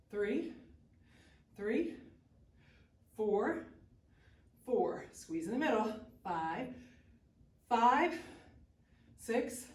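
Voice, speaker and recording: Calling out brief, encouraging cues and counts, a female aerobics instructor guides an exercise session in a mid-range voice with a darkish tone. She's far from the microphone, and the room adds a spacious echo.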